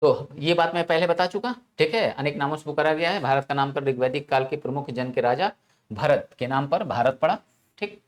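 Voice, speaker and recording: A man's voice: a little high, brisk. A man teaching a class in a lecture style. He keeps asking rhetorical questions, answers them himself, and repeats key words over and over with constant check-ins to the students.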